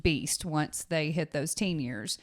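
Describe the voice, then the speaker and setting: A woman's voice: deep voice, expressive, slow. A woman in her thirties co-hosting a parenting podcast in casual chat, earnest and thoughtful, often murmuring agreement. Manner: earnest, thoughtful, with frequent mm-hmms. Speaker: podcast co-host.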